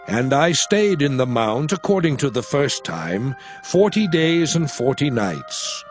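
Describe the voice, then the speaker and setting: A man voices a solemn prophet urging his people on, using a measured, declamatory delivery in a dramatized scripture recording. His voice is mid-range with big swings in pitch, and soft music plays in the background.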